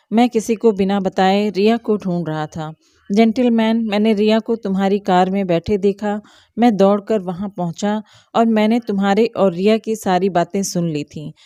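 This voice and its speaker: A woman voicing a grateful middle-aged father who speaks in a hushed, heartfelt way. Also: mid-range voice, no room sound, studio quality, natural voice.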